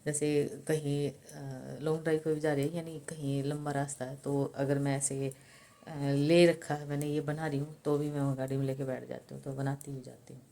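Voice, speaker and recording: An older woman chatting quietly in a casual home vlog at night, speaking softly and slowly so she won't wake her sleeping husband. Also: low-pitched, flat delivery, gravelly. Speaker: vlogger.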